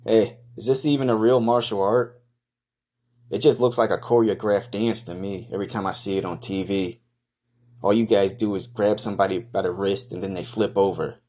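Casting: low-pitched male for off-the-cuff, foul-mouthed, slangy first-person narration with a blunt, mocking edge. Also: fairly even intonation, normal speed, darkish tone. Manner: crude, profane, slangy. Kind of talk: casual improvised first-person running commentary.

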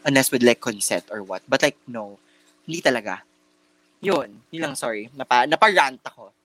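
During casual chat on a podcast he co-hosts, a young man recounts a story mixing Tagalog and English, heavy on fillers, restarts, and campy slang. He speaks at normal speed with a medium-pitched, fairly bright voice and lively intonation.

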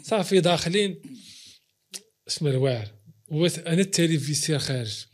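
Speaking fast in an expressive, slightly high voice, a man with a Moroccan Arabic accent shares personal anecdotes as an interview guest. He acts out quoted dialogue and swears oaths for emphasis, keeping it casual and animated.

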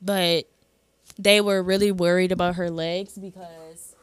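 A woman's voice: fairly low pitch, level tone, unhurried, smooth, dry recording. A young woman hosting a podcast, telling a personal story in a casual, chatty way with lots of fillers. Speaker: podcast host. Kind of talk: casual chat.

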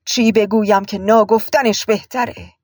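A woman voicing a weary middle-aged man who speaks slowly and hesitantly. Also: medium pitch, fairly even intonation, a little mellow, dry recording, clean studio sound, lightly acted. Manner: slow and hesitant.

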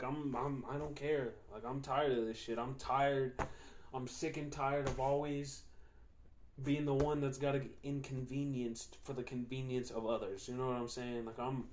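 A man's voice: medium pitch, a little mellow. A young man hosting a podcast, rambling in a slangy, profane casual monologue full of "like". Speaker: podcast host.

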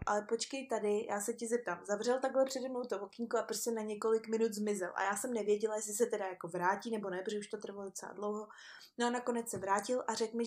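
A woman's voice: fairly high pitch, a little mellow. A young woman telling a travel story in casual chat, with frequent laughs and lots of fillers. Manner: chatty, laughs often, many fillers. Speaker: guest.

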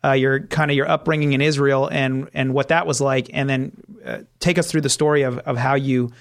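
A man's voice: mid-range voice, steady tone, brisk, no echo, studio quality. A man hosting a radio interview, asking friendly, leading questions. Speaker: host.

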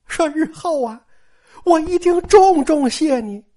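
Lady doing a silly lovesick guy begging and whining, slow and high-ish. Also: expressive, warm tone. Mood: pleading. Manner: pleading, whiny. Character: foolish lovesick young man, pleading and gullible.

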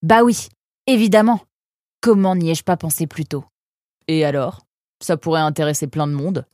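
A woman's voice: deep voice, normal speed, dry recording, natural voice. A woman plays a keen young male creature from a storybook, full of schemes and stumbling over filler sounds. He sounds dry and close to the mic. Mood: eager stammering. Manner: stammering with many "euh", excitable.

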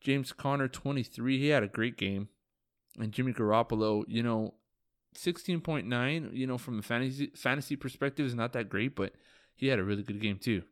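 A tired, yawning man hosts a casual solo fantasy football podcast recap, joking loosely, swearing now and then, and ribbing his league friends. His medium-pitched voice moves fairly quickly, captured in clean studio sound without echo.

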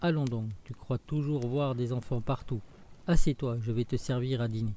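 A man voicing the ogre's old wife in a storybook reading, stern but protective, speaking in hurried, hushed warnings. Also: mid-range voice, fairly even intonation, a little hiss or hum, lightly acted. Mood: dismissive.

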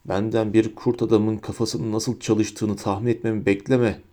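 A man voicing a cold, menacing adult male wizard teacher in an audiobook, speaking low with a silky, hissing menace. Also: level tone, moderate pace, mellow, lightly acted. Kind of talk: audiobook character voice.

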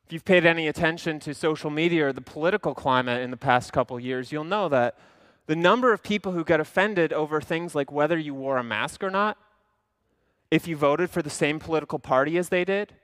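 A young male pastor tells a story from the pulpit, dropping to low mutters and then rising to loud outbursts as he acts out his own thoughts. His voice sits fairly high for a man. The sound is dry and close, with no room echo. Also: moderate pace. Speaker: lead pastor. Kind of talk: animated sermon storytelling.

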